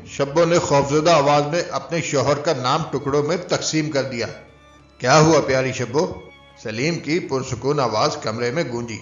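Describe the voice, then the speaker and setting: A man's voice: mid-range voice, fairly bright tone. Male audiobook narrator, dramatic first-person telling, roomy echo, muffled sound, faint music. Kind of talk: scripted narration of a novel.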